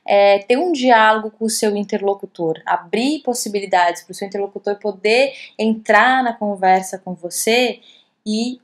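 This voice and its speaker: A woman from Brazil giving a casual online lesson over slides, talking in a loose, conversational way with many fillers and restarts. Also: medium pitch. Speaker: course instructor. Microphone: voice-over on screen recording.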